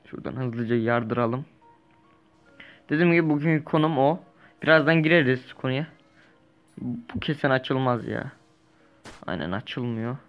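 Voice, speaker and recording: A man's voice: mid-range voice, a little slow, long pauses, soft background music. Chatty young man narrating his gameplay. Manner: chatty, rambling, self-correcting, lively bursts. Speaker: gaming YouTuber. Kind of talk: casual let's-play commentary.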